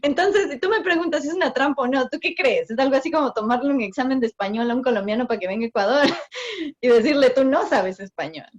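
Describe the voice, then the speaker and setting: A woman on a video call, explaining in an animated way with examples and laughs. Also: high voice, quick pace, a little hiss or hum. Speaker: guest, migration office worker in Australia. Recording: muffled video call audio.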